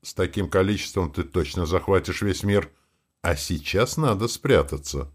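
A man's voice: low voice, lively intonation, moderate pace. Man doing a pushy squint-eyed henchman. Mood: urgent.

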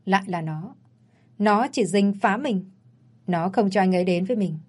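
A woman's voice: medium pitch, moderate pace, a little mellow, natural voice. A woman voicing a jealous, vengeful young mistress in an audio story, with bitter muttering. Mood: spiteful.

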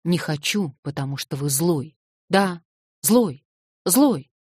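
A woman's voice: low voice, a little slow, no echo, clean studio sound. A woman reading an audiobook voices a distraught young orphan girl who cries and refuses insistently. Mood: sobbing defiance. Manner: crying, shouting, insistent refusals.

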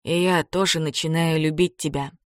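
A wistful young man who speaks in a quiet, restrained way, as a woman reader puts him on. The voice stays fairly low. The sound is dry and close. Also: fairly even intonation, moderate pace, no room sound, natural voice. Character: young man, the wistful first-person hero.

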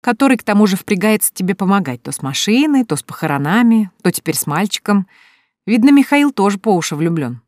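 A woman voicing a sharp-tongued, practical young woman who teases and lectures her friend. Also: medium pitch, big pitch swings, fast talker, no room sound, studio quality, voice pushed up, lightly acted. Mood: teasing. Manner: teasing, coolly lecturing.

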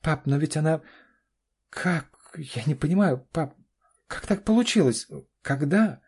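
Heavily acted and pushed up into a slightly high register, this man's husky, mellow voice is animated yet measured as he voices an audiobook daughter. The anxious young woman is incredulous, pushy, and keeps pleading "dad."

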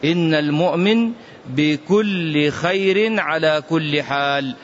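A man with a slightly high voice gives a classroom commentary on prophetic tradition, taking it slowly on a lo-fi recording with a little hiss or hum. He speaks with impassioned emphasis, issues emphatic warnings to the listener, and sometimes chants his recitations.

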